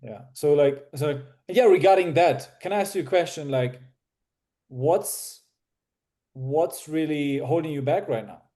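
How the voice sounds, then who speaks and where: Hesitant man with a mellow voice. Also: fairly high pitch, a little slow. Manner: hesitant, full of fillers. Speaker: sales trainee. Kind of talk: practicing a sales role-play.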